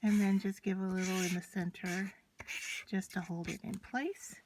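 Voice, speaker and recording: A woman's voice: medium pitch, steady tone, moderate pace. Woman giving a craft tutorial over handling noise. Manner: instructional, talking through each step while working with her hands. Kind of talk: step-by-step craft demonstration, casual and unscripted. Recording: clear background noise, scratching and clicks from handling materials. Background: scratching and clicking of craft materials.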